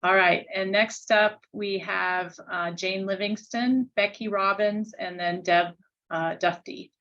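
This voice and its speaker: A woman moderating a webinar on a video call, brisk and polite as she calls the next speakers. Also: medium pitch, fairly even intonation, a bit bright, muffled recording. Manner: brisk, polite, keeps things moving. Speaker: meeting moderator.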